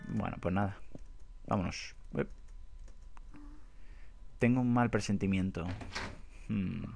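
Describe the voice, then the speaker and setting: A man's voice: deep voice, slow, vocal fry, a little mellow. A man with a Spain Spanish accent chatting and joking through a game playthrough, self-mocking. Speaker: let's-play gamer. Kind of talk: casual gameplay commentary. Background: game music.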